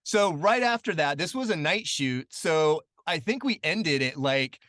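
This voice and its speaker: Bright, chatty man telling stories. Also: a little high, unhurried, no room sound, clean studio sound. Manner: chatty, many fillers, animated when quoting. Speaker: guest. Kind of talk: casual storytelling interview.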